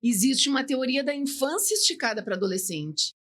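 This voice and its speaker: A woman's voice: high-pitched, lively intonation, fairly quick, fairly bright tone. A woman psychologist, chatting as a podcast guest, explaining with frequent checks like "né". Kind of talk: casual podcast interview.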